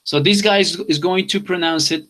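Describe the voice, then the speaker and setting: Brief: man from Colombia, slightly high voice, online bilingual English class. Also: normal speed, bright, forceful tone. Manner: switches between English and Spanish, repeating instructions. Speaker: English teacher.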